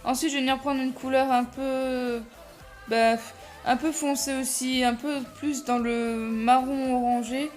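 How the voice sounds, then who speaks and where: A woman's voice: on the high side, a little mellow. A young woman talking through a casual makeup tutorial, chatty and self-mocking, full of fillers and restarts. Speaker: makeup vlogger.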